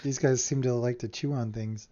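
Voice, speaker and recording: A man's voice: medium pitch, fairly even intonation, normal speed, mellow. A man playing a tabletop game, talking in a thoughtful, hedging way. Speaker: player. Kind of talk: casual tabletop play. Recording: dull lo-fi sound.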